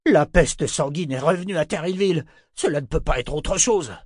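A man's voice: a little high, moderate pace, a little mellow, dry recording, clean studio sound, voice pushed up, close to an everyday voice. A fearful townsman, voiced by a man reading aloud, calls out in a raised, grim voice. He sounds alarmed and certain of the worst. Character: fearful townsman calling from a crowd. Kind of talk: audiobook character voice.

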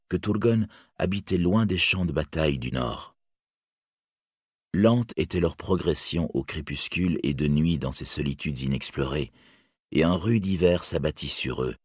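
A man reads an epic tale aloud in a solemn, deliberate audiobook style. His voice sits extremely low and has a husky grain. The recording is close and dry, with no room sound. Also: dry recording. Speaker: narrator.

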